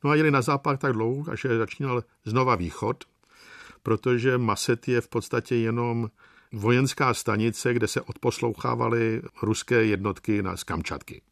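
A man telling travel anecdotes in an unhurried, wry and reflective way. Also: mid-range voice, steady tone, creaky, fairly bright tone, no echo, clean studio sound. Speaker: storyteller.

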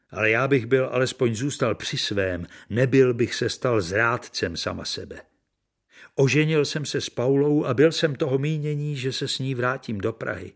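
A man's voice: medium pitch, close to an everyday voice. A man reading the part of a bitter, worn-out actor, brooding and earnest, in an audiobook. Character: bitter, worn-out middle-aged male stage actor.

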